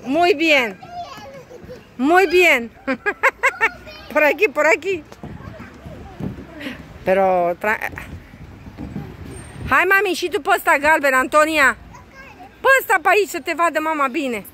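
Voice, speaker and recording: A woman's voice: high-pitched, animated, pauses often, sharp tone, slight background noise. A young mother at an outdoor playground, coaxing and cheering on her children, switching between two languages.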